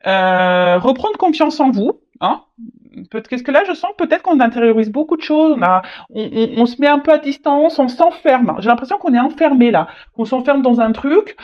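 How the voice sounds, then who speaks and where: A tarot reader giving a casual reading, speaking haltingly, repeating words and adding frequent tag words. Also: high voice, lively intonation. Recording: dull lo-fi recording.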